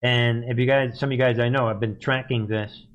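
On a muffled recording, a live news commentary host with a medium-pitched voice talks a little fast and with fairly even intonation. He's scornful and mocking about politics, repeating phrases emphatically.

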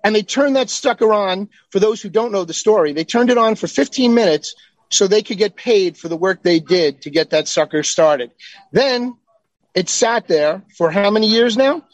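A man's voice: high voice, expressive, normal speed, dry recording, lo-fi sound. A man joining a talk show as a guest, talking bluntly and heatedly with some swearing. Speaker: call-in guest. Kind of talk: casual chat.

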